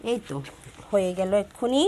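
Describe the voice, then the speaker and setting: A woman with a Bangladeshi accent teaching young children English shapes, repeating words slowly and switching between Bengali and English. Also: medium pitch, warm tone, slight background noise. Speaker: primary school English teacher. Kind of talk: classroom lesson to young children.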